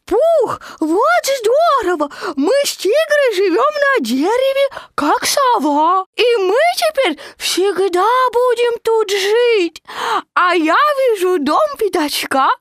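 A woman voicing an excited little male baby kangaroo who chatters eagerly. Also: extremely high pitch, slow, dry recording, studio quality, pitched above the performer's own voice, heavily acted.

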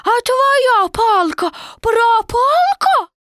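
A woman voicing an excitable tiny young male kangaroo in a storybook, chattering eagerly in a squeaky voice. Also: drawn-out words, dry recording, clean studio sound, exaggerated voice.

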